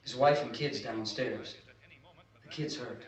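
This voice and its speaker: A man's voice: medium pitch, slow pace, close to an everyday voice. An actor playing an earnest, polite, conciliatory young man in a 1960s horror film. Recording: echoey old film sound, distant mic.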